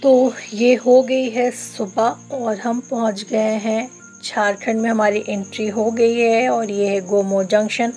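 A travel vlogger from Bokaro in Jharkhand, India talks casually through her train journey on a handheld phone camera, explaining each step for viewers. Her voice leans high and a little mellow, steady in tone and slow in pace. Soft music plays behind her, and the recording quality is low.

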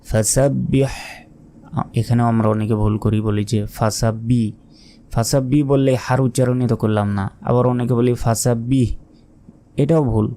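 A man teaching Quran recitation, spelling out each letter and vowel mark before sounding the word slowly. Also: mid-range voice, fairly even intonation, dark tone, clean tone. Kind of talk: slow letter-by-letter recitation lesson.

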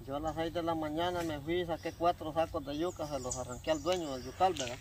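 A man's voice: on the high side, fairly even intonation, fast. A man in his forties with a Central American Spanish accent, chatting casually and colloquially outdoors, repeating his phrases for emphasis. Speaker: interviewee, rural cassava seller. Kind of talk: casual chat. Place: outdoors in a dirt yard by a fence. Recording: noisy outdoor rural ambience.

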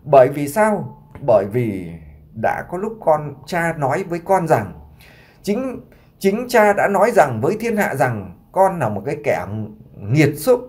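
A gravely ill young son pleads earnestly for forgiveness, as a male storyteller voices him. His fairly high voice rises and falls with feeling. He sounds like a figure in a told tragedy. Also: big pitch swings, measured pace, a little mellow. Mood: pleading.

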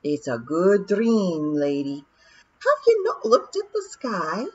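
A woman voicing a bold male pixie chieftain with a gruff Scottish accent and a blustery, commanding manner. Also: on the low side, huge pitch swings, takes it slowly, a little mellow, lo-fi sound, exaggerated voice. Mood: bossy.

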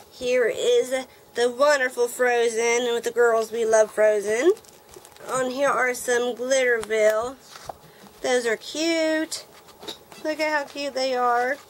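Gushing excited woman unboxing gifts. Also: a little high, slight background noise, rough recording. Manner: gushing, excited, thanks the sender over and over. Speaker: nail art vlogger opening a swap package. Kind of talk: casual unboxing chat.

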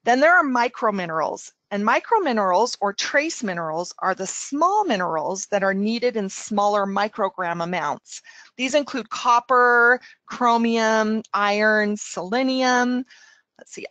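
A woman giving an enthusiastic product presentation, talking with a smile and sometimes getting tongue-tied from excitement. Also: a little high, unhurried, no echo. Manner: smiling as she talks.

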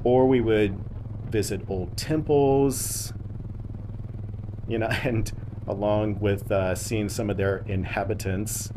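Against a noisy background, a man speaks slowly in a lowish voice with fairly even intonation while vlogging his walk through a ruined fort outdoors on a handheld camera. As a travel vlogger, he chats, explains things en route, and laughs now and then.

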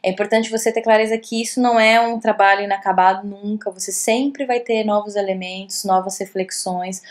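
A woman's voice: medium pitch, steady tone, a little fast. Chatty woman teaching over slides. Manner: conversational, many fillers and restarts. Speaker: course instructor. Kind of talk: casual online lesson over slides. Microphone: voice-over on screen recording.

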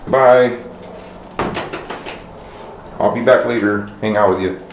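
Male night vlogger, deep register, nervous and hesitant, long reverberant empty interior. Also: steady tone. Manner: uneasy, halting. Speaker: paranormal explorer and vlogger. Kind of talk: nervous night vlog, casual chat. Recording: echoey empty prison halls, faint noise.

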